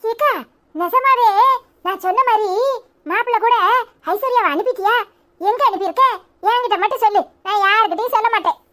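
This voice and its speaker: Woman voicing a shrill scheming gossip. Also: brisk, sharp tone. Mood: wheedling. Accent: Tirunelveli Tamil. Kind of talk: cartoon serial voice acting.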